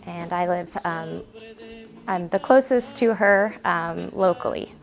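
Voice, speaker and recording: Young woman, slow and hesitant, a bit of vocal fry. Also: on the low side. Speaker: interviewee. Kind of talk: interview.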